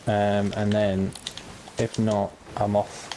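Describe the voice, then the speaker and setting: A man's voice: lowish voice, completely flat delivery, slow pace, noisy background. A man playing along in a game stream, giving brief, matter-of-fact callouts to his teammate. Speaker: co-player. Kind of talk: casual gaming callouts.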